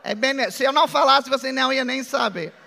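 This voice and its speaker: A middle-aged male pastor with an American accent preaches in a joking, chatty manner. His voice sits very high for a man and sounds bright and gravelly as he draws his phrases out slowly. Long reverb from the church hall trails behind every line. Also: a little hiss or hum. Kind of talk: sermon.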